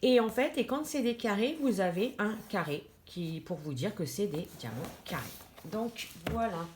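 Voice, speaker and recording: A woman's voice: medium pitch, expressive, normal speed. A woman talks casually through an unboxing, hesitant and chatty, full of fillers and restarts. Her voice rings in an echoey room with plain background noise. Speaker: diamond painting vlogger. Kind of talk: casual unboxing chat to camera.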